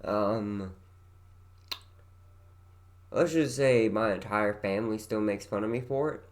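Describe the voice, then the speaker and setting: A man's voice: fairly low pitch, slow pace. Tired thirtysomething guy, light west virginia country twang, rambly and self-deprecating vlog chat. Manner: meandering and self-deprecating, trails off into repeated words. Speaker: vlogger.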